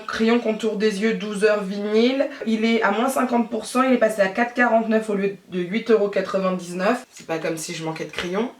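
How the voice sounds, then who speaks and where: A woman's voice: fairly high pitch, far from the mic. A woman from France chatting casually in a beauty vlog, rambling on as she does her makeup. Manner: rambling, talks while doing her makeup. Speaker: beauty vlogger. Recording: echoey room, voice off-mic.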